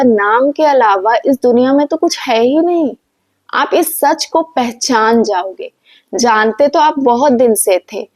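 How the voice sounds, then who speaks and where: A woman's voice: high-pitched, a little mellow. A woman giving an earnest devotional talk, speaking as an instructive spiritual speaker who often asks rhetorical questions.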